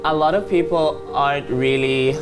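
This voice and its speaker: A man's voice: on the high side, fairly even intonation, normal speed. A man in his twenties from South Africa, a talk show guest who chats in a sassy, flamboyant way and laughs often. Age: 20s. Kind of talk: casual talk show chat. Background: background music.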